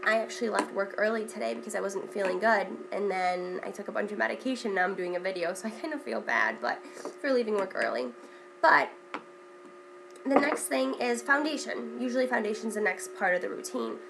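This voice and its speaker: Talking fairly quickly with lively intonation, a young woman chats casually through a makeup tutorial while congested from a cold. Her stuffy voice is medium-pitched and gravelly, peppered with ums and repeated words. Background noise is present.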